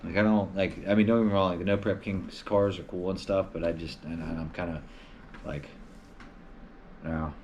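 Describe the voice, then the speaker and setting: A man's voice: deep voice, steady tone, moderate pace, a little mellow, muffled recording, slight background noise. A man hosting a casual live stream from home, answering viewer questions in a loose, rambling way with lots of filler words.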